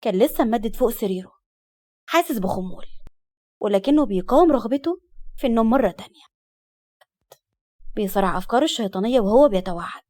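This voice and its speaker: Woman, Egyptian accent, story narrator, steady cadence, fairly high voice. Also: quick pace, long pauses. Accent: Egyptian Arabic.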